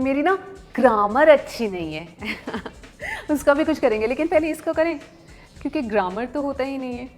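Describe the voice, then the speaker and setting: A young woman giving a casual, playful pronunciation lesson, slowing right down to model each word. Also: high-pitched. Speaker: pronunciation teacher.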